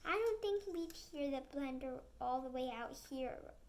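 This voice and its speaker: A woman's voice: high-pitched, animated, a little slow. A woman reading aloud a doubtful young girl whose voice trembles with fear, in a storybook. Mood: fearful.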